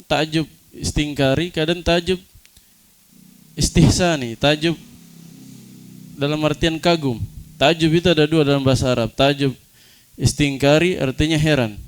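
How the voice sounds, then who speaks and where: A man's voice: fairly high pitch, smooth, no room sound. A man teaching Islamic studies in a classroom lecture, explaining terms and putting questions to his students that he then answers himself. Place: study room.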